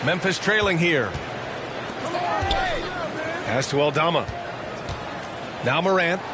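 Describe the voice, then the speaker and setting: A man's voice: on the high side, lively intonation, slow pace, very noisy. A man calling basketball play-by-play in clipped, punchy phrases. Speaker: play-by-play commentator. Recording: loud music and crowd behind.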